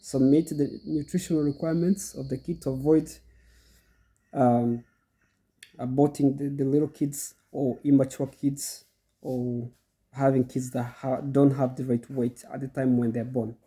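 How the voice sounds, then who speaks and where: Warm and husky, this man's mid-range voice is a little slow with fairly even intonation. He's a middle-aged goat farmer with a cold, stuffed up as he casually explains things step by step to his channel's viewers, saying things more than once.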